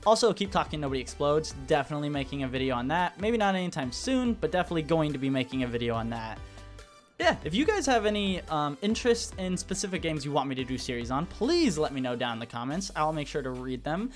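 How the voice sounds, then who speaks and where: A man's voice: fairly high pitch, very animated, quick pace. A young man hosting a gaming channel, giving a casual, rambling update with lots of restarts and fillers. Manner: rambling, self-correcting, laid-back. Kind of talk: casual update vlog over gameplay. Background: soft background music.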